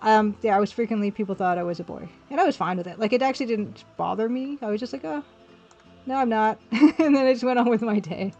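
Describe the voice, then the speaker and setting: With music playing underneath, a woman hosting an art livestream talks quickly in a fairly high, slightly mellow voice on a muffled recording. She's a pixel artist, chatting casually while she draws, thinking aloud and replying to chat.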